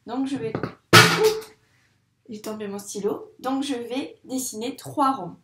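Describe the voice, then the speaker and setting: Slow, patient woman teaching phonics. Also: a little high, echoey room, very noisy. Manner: patient, repeats sounds slowly and asks questions to a child. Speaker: primary school teacher. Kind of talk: phonics lesson for young children.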